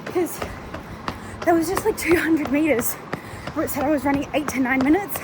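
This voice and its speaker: A woman's voice: high voice, fairly quick, noisy background. A young woman vlogging casually while running, out of breath as she talks. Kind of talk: casual vlog check-in. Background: music.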